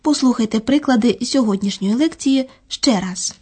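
Female lecturer, mellow tone, slightly high, didactic delivery. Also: breathy edge. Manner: measured, didactic. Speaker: language lecturer. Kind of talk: scripted grammar lecture.

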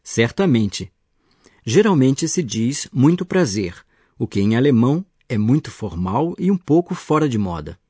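A man's voice: medium pitch, very animated, measured pace, a little mellow, slightly rough, no echo. A man acting as a teacher, patiently explaining grammar in a scripted radio lesson. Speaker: language teacher.

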